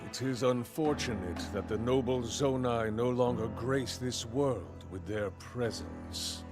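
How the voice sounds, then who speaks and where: A man voicing Ganondorf, slow silky villain. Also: lightly acted. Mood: silky menace. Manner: slow, deep, falsely courteous. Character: scheming desert king bowing to a rival king. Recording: game cutscene over music.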